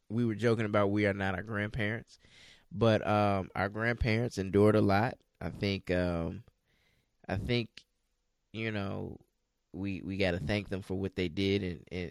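Low-voiced man, relaxed podcast chat from bed. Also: gravelly, no echo, clean studio sound. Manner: relaxed, talking while lying in bed. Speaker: podcast co-host. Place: bedroom, recorded in bed.

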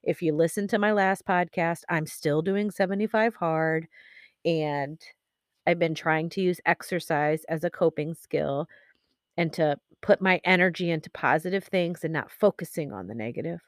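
A woman hosts her podcast in a personal monologue, grieving and candid. She speaks low, halting often with pauses and fillers. The sound is close and dry, with no room around her. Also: no echo. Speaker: podcast host.

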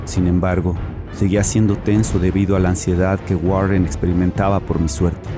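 An actor narrating as a haunted man recounting a horror, with grave, measured horror storytelling. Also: low-pitched, little pitch movement, lightly acted. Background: music.

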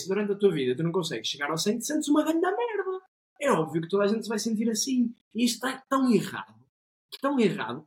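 A young man with a European Portuguese accent, chatting on a podcast with enthusiasm and plenty of slang and swearing. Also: high-pitched. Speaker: podcast co-host. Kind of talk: casual podcast chat.

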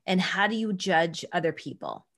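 Animated middle-aged woman acting out dialogue. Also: on the low side, normal speed, vocal fry. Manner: animated, acts out voices in quoted dialogue. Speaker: guest creativity teacher. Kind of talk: casual interview chat.

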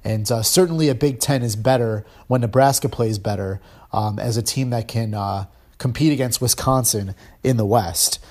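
A man in his thirties hosting a casual sports podcast, talking fast and loose with sarcastic jabs and sudden jumps in pitch for emphasis. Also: a little mellow. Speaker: podcast host.

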